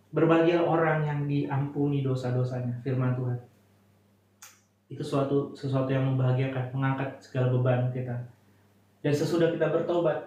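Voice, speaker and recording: A young man preaching a devotional sermon with fervent exhortation, then praying in a hushed voice. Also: on the high side. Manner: fervent, exhorting, calls out hallelujah; hushed, quiet when praying. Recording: very echoey room.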